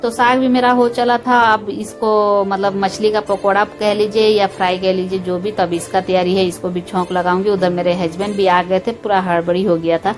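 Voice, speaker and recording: A woman's voice: mid-range voice, level tone, normal speed, hardly any pauses. A woman, a mother, chatting homely and directly to her viewers as she walks them through cooking lunch at home. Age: adult, mother of school-age children. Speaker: home vlogger. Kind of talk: casual chat narrating a cooking routine. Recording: voice under loud background music.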